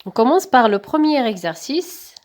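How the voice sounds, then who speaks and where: A woman's voice: on the high side, sing-song, a little mellow. Woman teacher spelling out syllables. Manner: slow, spelling out syllables and letters; switches into fast Arabic asides. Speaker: primary school teacher. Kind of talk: correcting a primary school exam.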